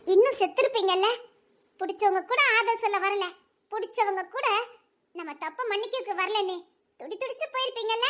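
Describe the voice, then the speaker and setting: A woman's voice: very high-pitched, normal speed, a bit bright. An actress playing a remorseful young wife and college student, speaking tearfully with her voice breaking into shaky laughs. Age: young adult. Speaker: young wife in a drama series. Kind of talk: emotional drama acting.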